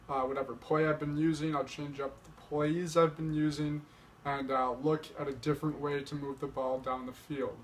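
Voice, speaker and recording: Slightly winded young guy trash talking his game plan to the camera, kinda high voice. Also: a bit bright, slight background noise. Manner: boastful, lays out a plan point by point. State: a little winded. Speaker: vlogger challenging a friend to a video game match. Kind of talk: casual talk to camera.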